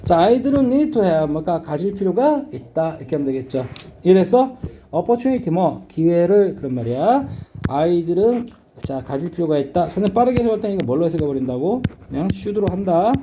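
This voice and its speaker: A middle-aged male teacher lecturing a class with a high, lively voice that jumps up on every check-in question. His tone is dark and mellow, and he talks in a blunt, casual way. A faint hiss of noise sits under the recording. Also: fairly quick. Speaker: English teacher.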